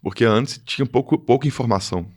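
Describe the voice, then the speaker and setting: A man's voice: mid-range voice, fast talker, darkish tone. A man, a podcast guest telling his story in casual chat, hesitant with many fillers and restarts. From Minas Gerais, Brazil.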